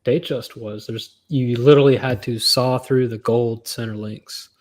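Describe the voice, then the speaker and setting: A man's voice: medium pitch, fairly even intonation, normal speed. A man on a podcast panel, explaining things in casual chat.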